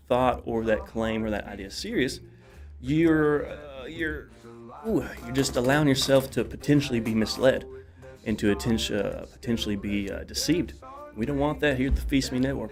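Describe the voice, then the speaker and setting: Male talk show host, breathless and coughing, energetic rambler, soft music under. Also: medium pitch, gravelly. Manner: energetic, rambling, many fillers and exclamations. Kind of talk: casual solo talk show monologue.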